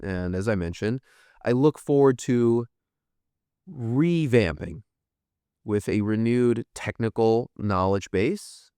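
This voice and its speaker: Taking his time, an American podcast host in his thirties reads out viewer comments in a relaxed, rambling livestream chat, tossing in offhand swearing. His voice sits on the low side, mellow and smooth. The studio sound is clean, with no room noise.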